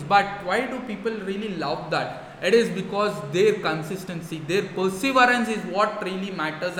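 A man's voice: high-pitched, sharp tone. A man hosting a motivational podcast monologue, speaking earnestly and emphatically and repeating his key phrases. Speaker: podcast host. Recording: echoey reverberant room, faint noise.

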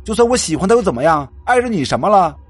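An upright young man, voiced by a male narrator, protests in loud, high outbursts. The voice is husky and lively in pitch. Faint music runs underneath. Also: fairly quick, dry recording, heavily acted. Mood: indignant.

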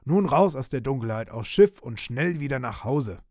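Male narrator voicing a grumpy, commanding ship captain, gruff and loud. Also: medium pitch, expressive, normal speed, no room sound, clean studio sound, close to an everyday voice. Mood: bossy.

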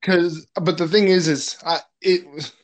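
A relaxed man with a somewhat high-pitched voice talks loosely on a podcast, trailing off and restarting as he tells a story. He laughs easily and swears casually. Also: measured pace. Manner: laid-back, rambling, laughs often, swears. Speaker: podcast guest, film director.

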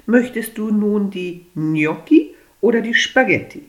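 A woman reading aloud and voicing a pedantic young man who corrects his girlfriend in a hushed, patronizing tone. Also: mid-range voice, lively intonation, unhurried, voice pushed up, natural voice.

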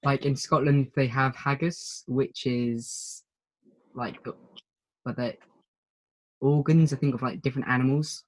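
British man, casual video chat, hesitant, lots of ums, mid-pitched voice. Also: steady tone, low-quality recording. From United Kingdom. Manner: hesitant, many pauses and ums.

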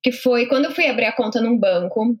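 A woman's voice: a little high, a little fast. A young Brazilian woman with a Brazilian Portuguese accent, animatedly telling a funny story in casual chat, laughing as she goes.

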